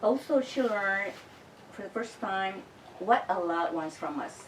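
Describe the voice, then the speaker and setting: A woman's voice: mid-range voice, expressive, unhurried, a little hiss or hum. A woman organizer translating a participant's remarks into English, with hesitant paraphrasing. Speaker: organizer and interpreter. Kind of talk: introducing and translating. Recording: echoey room, distant mic.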